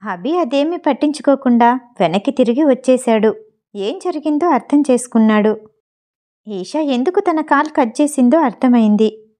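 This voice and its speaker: A woman narrating a dramatic audio story in a steady storytelling manner. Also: sits high.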